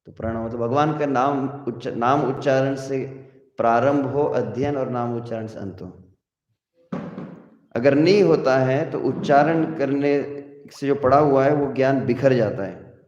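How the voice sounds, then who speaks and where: A man of ordinary pitch teaches scripture in a devotional lecture, drawing out the chanted verses before explaining them in plain talk. The recording is muffled and somewhat dull. It carries the long echo of a large hall. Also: a little mellow. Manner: chants verses slowly, then explains in conversational Hindi. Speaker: spiritual teacher.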